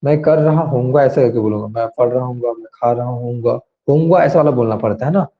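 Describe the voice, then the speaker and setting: A man teaching grammar in an online class, explaining slowly and asking students to raise their hands. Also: mid-range voice. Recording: dull lo-fi sound.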